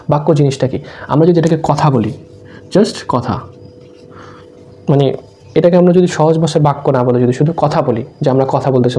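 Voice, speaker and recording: Quick-talking man teaching grammar. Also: on the high side, mellow. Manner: asks questions to the listener then answers them. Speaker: English teacher. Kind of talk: explanatory grammar lesson.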